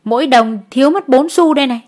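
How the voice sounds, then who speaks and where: A woman's voice: high-pitched, quick pace, a little mellow, voice pushed up. A petty village treasurer, a man, played by a woman reading a story, speaking brusquely in a raised voice. He counts out the shortfall coldly. It is an old-fashioned storybook reading.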